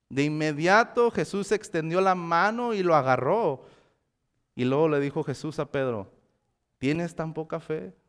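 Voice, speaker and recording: A man's voice: a little high, smooth. A man preaching a sermon in a church, reading scripture dramatically and asking the congregation rhetorical questions. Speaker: pastor. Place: church sanctuary.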